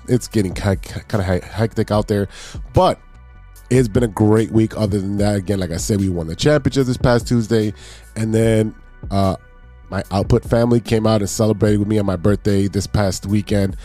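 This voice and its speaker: A man hosts a casual sports and news podcast, sounding nasal and stuffy from allergies as he rambles, jokes, and restarts his sentences. His lowish voice is mellow and fairly quick with fairly even intonation, and faint music plays behind him.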